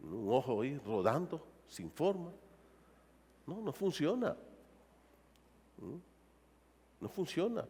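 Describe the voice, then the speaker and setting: A male pastor delivers a sermon with lively, swinging intonation, often tossing rhetorical questions to his congregation. His voice sits a little high for a man. The sound carries the long reverb of a church sanctuary. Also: slow pace, long pauses, slightly rough.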